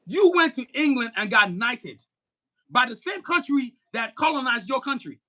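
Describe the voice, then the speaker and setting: His voice is very high-pitched and animated, moving at a moderate pace, as the man co-hosting a podcast goes on an angry political tirade. He curses, hammers his points, and raises his voice to a shout now and then.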